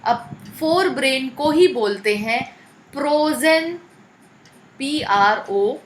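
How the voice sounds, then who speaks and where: A woman's voice: high-pitched, expressive, very slow, a little hiss or hum, rough recording. A woman teacher with an Indian accent, giving a live online biology class and spelling out terms letter by letter.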